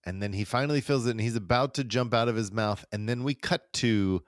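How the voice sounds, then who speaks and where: A man's voice: on the low side, a little fast, no room sound, clean studio sound. A man co-hosting a casual podcast in an easygoing, agreeable way, chuckling along. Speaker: podcast co-host. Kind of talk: casual retrospective chat.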